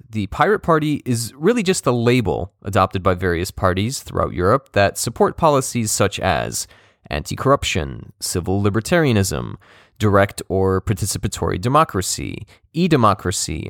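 A man's voice: lowish voice, big pitch swings, moderate pace, vocal fry, dry recording, studio quality. A man hosting a podcast, reading a scripted introduction in a conversational, lightly joking way. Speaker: podcast host.

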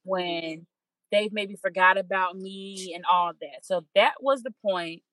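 A young woman sits down for an intimate podcast conversation and speaks candidly about her own experience. Her voice is bright and forward. The recording is dry and close, with no room sound. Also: medium pitch, takes it slowly, no room sound, low-quality recording. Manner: open, reflective, acts out her own inner voice. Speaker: podcast guest.

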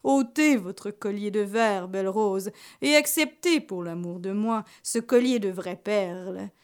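A woman voicing the devil disguised as a charming male stranger, smooth and defiant in a storybook tale. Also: mid-range voice, unhurried, natural voice. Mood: seductive.

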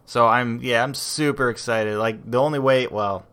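A man of ordinary pitch co-hosting a podcast in easygoing conversation. He rambles a little, restarting sentences and dropping in fillers as he thinks aloud. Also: fairly even intonation, normal speed, fairly bright tone, clean tone. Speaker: podcast co-host. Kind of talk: casual chat.

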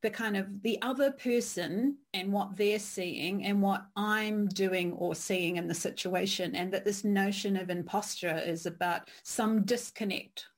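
A woman, telling her story in a thoughtful, measured way. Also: mid-range voice. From New Zealand. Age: 50s. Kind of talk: reflective conversation.

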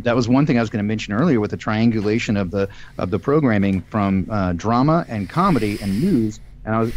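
A man's voice: lowish voice, darkish tone, muffled recording. A man in his fifties co-hosting a casual live-stream talk, hesitant, with many fillers and restarts. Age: 50s. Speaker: podcast co-host.

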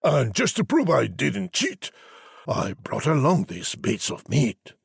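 A storyteller voicing a soft-hearted huntsman who mutters in a fairly plain voice. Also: medium pitch, wildly swooping pitch, takes it slowly, vocal fry, husky, no echo, studio quality, full character voice. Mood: gruff.

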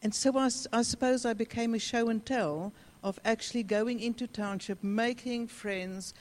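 A woman, a travelling church speaker, giving an energetic and rousing conference talk. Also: a little high, moderate pace. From South Africa.

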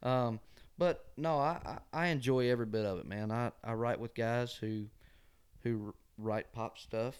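A man's voice: mid-range voice, moderate pace, smooth. A man from Georgia with a Southern accent and a nasal twang, chatting casually and folksily as a musician guest in an interview. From Georgia, USA. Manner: folksy, often ends phrases with "man". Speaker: country singer-songwriter guest.

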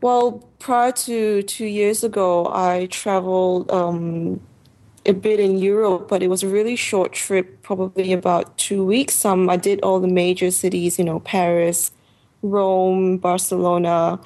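A woman in her thirties from Malaysia, a travel author answering interview questions from her apartment and pausing often with fillers. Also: fairly low pitch, flat delivery, dark tone. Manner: hesitant, many pauses and fillers.

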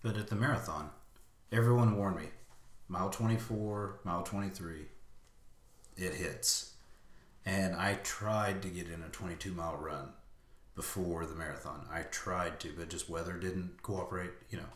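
A man hosting a casual chat, telling his own marathon story in a lively way and shouting when he reenacts his self-talk. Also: deep voice, normal speed. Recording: roomy echo.

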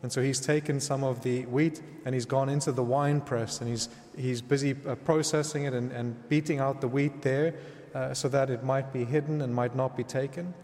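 A man speaking as a priest in church, reading scripture and preaching in a measured, reflective manner. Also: mid-range voice, fairly even intonation, darkish tone. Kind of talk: Gospel reading and homily. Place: large reverberant church indoors. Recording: long cathedral-like echo, reverberant church hall.

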